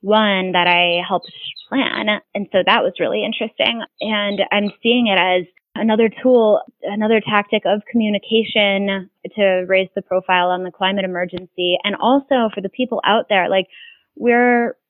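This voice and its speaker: A woman's voice: medium pitch, steady tone, moderate pace, no room sound. A woman climate activist giving casual, earnest interview answers, rambling a little with restarts. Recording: tinny phone-like line.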